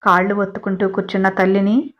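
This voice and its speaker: A woman narrates a family story in a steady storytelling voice, turning now and then to chat with listeners. Her pitch sits mid-range for a woman. The home recording is lo-fi and dull. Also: quick pace. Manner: even, steady reading with chatty personal asides.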